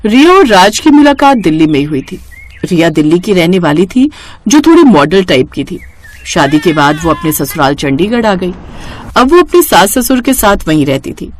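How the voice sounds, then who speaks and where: Expressive woman storyteller. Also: fairly low pitch, normal speed. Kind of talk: scripted narration.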